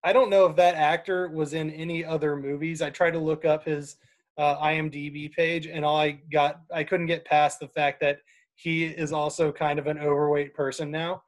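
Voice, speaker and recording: A man hosting a casual movie podcast, talking in a relaxed way with fillers and laughs. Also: on the high side, moderate pace. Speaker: podcast host.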